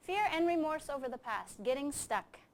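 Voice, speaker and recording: With a high-pitched voice, lively intonation and normal pace, a middle-aged woman raised in Japan speaks as a coach and interview guest. Her conversational answers are earnest and emphatic, explaining things and sharing anecdotes.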